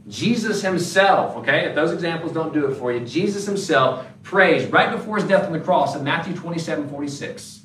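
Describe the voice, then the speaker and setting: A man's voice: a little high, fairly quick, hardly any pauses. Man preaching in a roomy church. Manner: conversational, animated preaching with acted asides. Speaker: pastor. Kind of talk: sermon. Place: church sanctuary. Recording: roomy, distant church recording with faint background noise.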